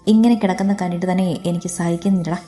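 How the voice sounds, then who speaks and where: A woman's voice: lowish voice, steady tone, fast, dark tone, soft background music, close to an everyday voice. A woman voicing a crude male kidnapper thug who speaks carelessly. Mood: leering.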